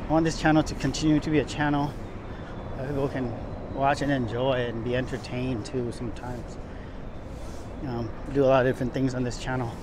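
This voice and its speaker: Walking on downtown sidewalks, a male vlogger gives a casual, rambling tour, often repeating and rephrasing himself. His medium-pitched voice is fairly even and a little fast. It's recorded on a handheld camera, with clear outdoor city street noise and traffic.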